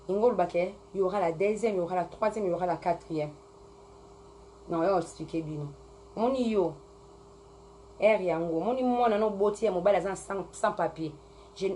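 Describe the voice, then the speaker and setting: A woman rants angrily in a vlog. She talks at a middle pitch, stretches out some words and hammers others, over and over. A faint noise sits behind her voice. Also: dark tone. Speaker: vlogger. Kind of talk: angry live-video rant.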